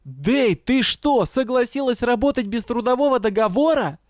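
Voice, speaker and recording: A man's voice: high-pitched, expressive, normal speed, no room sound, clean studio sound, pitched above the performer's own voice. A man voicing a hot-tempered young male drow detective who scolds and rants in exasperation. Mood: ranting.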